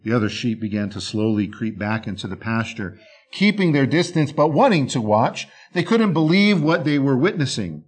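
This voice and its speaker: A man narrating a dark fable with drawn-out dramatic pauses. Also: mid-range voice, very animated, husky. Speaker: storyteller.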